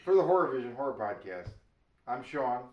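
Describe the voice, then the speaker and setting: A man's voice: medium pitch, very animated, fairly quick, muffled recording. A man hosting a podcast, chatting casually in a laid-back, easygoing way. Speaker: podcast host. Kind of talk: casual chat. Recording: roomy, distant from the mic.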